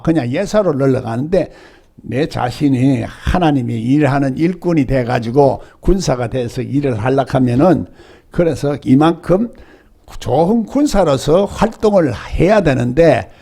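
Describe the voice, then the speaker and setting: A man's voice: mid-range voice, vocal fry, dark tone, husky. An older male pastor with a Gyeongsang Korean accent, preaching a sermon and often asking the congregation rhetorical questions.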